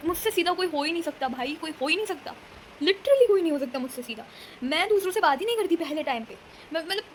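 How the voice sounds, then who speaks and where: A woman's voice: high voice, a little hiss or hum. A young woman vlogging casually to her viewers, chatty and dramatic, often mixing English words into her talk. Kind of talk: casual chat to camera.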